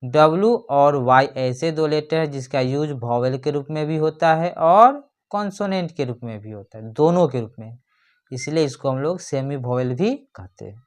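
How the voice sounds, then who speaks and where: A grammar teacher gives an explanatory lesson in a mid-range voice, reading definitions slowly and then unpacking them through rhetorical questions.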